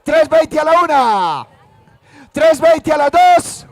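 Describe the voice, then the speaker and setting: A man with a Colombian accent from Antioquia calling bids as a rapid livestock auctioneer at a live auction. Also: very high voice, very animated, no room sound, some chatter behind.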